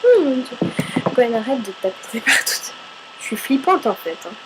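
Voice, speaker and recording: A woman's voice: fairly high pitch, very animated, normal speed, very noisy. A young woman, chatting casually as she answers viewer questions, giggly and scattered, playing with silly noises. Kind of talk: casual chat.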